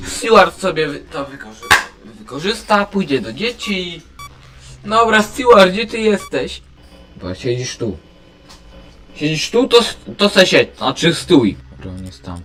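Give me an excitable high-voiced man playing a game. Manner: excitable, yells at game characters. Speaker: gamer. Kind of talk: let's play commentary.

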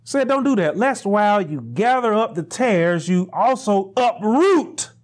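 High-voiced preaching man at a pulpit. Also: very animated, unhurried. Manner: preaching with rising, shouted emphasis and repetition. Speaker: pastor. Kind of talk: sermon. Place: small chapel room indoors, standing at a pulpit. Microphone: lapel mic.

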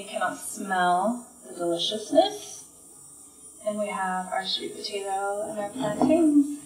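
A woman co-presenting a casual cooking demonstration in a home kitchen, upbeat and adding asides. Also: medium pitch. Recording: distant, echoey kitchen with faint music.

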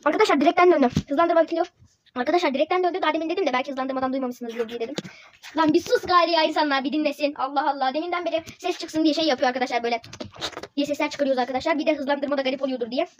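Very high-voiced excitable woman gamer. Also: rapid-fire, slight background noise. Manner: loud, excitable, bossy, repeats shouts. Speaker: gameplay YouTuber. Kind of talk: excited football game commentary.

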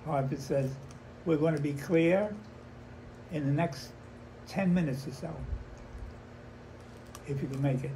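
An American man in his nineties, an old veteran remembering the past in halting, conversational stories, repeating himself and acting out remembered dialogue. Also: fairly high pitch, mellow. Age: 90s. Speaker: war veteran interviewee. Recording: noisy handheld home recording.

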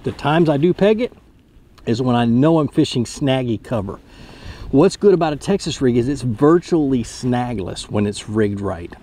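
This fishing channel host, a man in his thirties, explains a technique from a kayak on a lake in a casual tutorial to a camera mounted close in front. His medium-pitched voice is expressive and dark-toned at a moderate pace, and he's chatty, explanatory, and prone to restarting.

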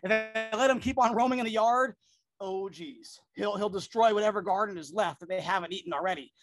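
A woman's voice: medium pitch, fairly quick, over music. A middle-aged woman presenting animals outdoors in a yard, talking casually and enthusiastically with surfer-like slang for an educational reptile show.

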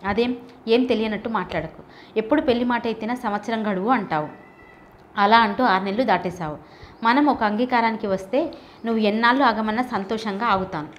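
A woman's voice: fairly high pitch, fairly quick, slight background noise, natural voice. A woman voicing a nervous, scheming young man who coaxes and pleads, in a storybook reading. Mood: pleading. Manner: coaxing, flustered.

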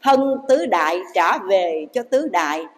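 A Buddhist nun telling a story in a dharma talk, addressing the audience directly. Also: female voice, mid-range voice, lively intonation, a little slow. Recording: long hall reverb.

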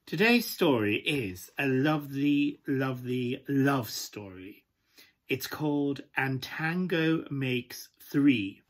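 Indoors in a small room at home, a man performs a glamorous, camp pantomime dame with a British accent, coaxing listeners through a children's story. His voice is husky and breathy at medium pitch.

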